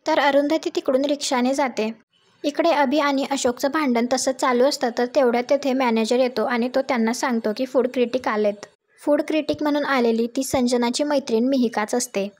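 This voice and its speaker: Woman, high-pitched voice, storyteller narrating a TV drama recap; steady, reads out the dialogue. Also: a little fast. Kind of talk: voice-over retelling of a TV serial episode.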